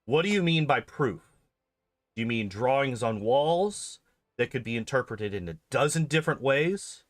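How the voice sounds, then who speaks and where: Rambling through casual livestream chat, this man, a game streamer and video host, repeats phrases emphatically to make his points. His mid-range voice is expressive and moderately paced, captured in studio quality with no room sound.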